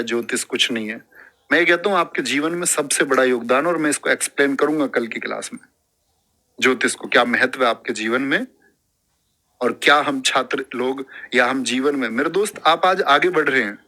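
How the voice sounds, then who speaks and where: A man teaching a classroom lecture in a lively, lecturing way, repeating terms aloud and sometimes reciting verse. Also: mid-range voice.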